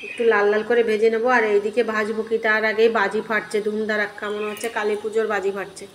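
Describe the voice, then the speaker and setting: A middle-aged woman with a slightly raised pitch talks her viewers through a home cooking session in a chatty, homely way. Her voice is hoarse from a cold. Faint kitchen sounds hum behind her, and she drifts off the mic now and then. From Bengal. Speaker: cooking vlogger. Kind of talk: casual cooking commentary.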